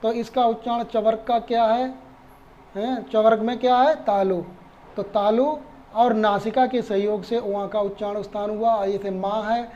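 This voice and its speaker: एक पुरुष शिक्षक जो धैर्य से पाठ समझाता है, बातें दोहराता है और खुद से सवाल पूछता है।. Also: male voice, sits high, fairly even intonation, normal speed, warm tone, lo-fi sound. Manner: patient, repeats points and asks rhetorical questions. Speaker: Sanskrit teacher. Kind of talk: explaining lesson.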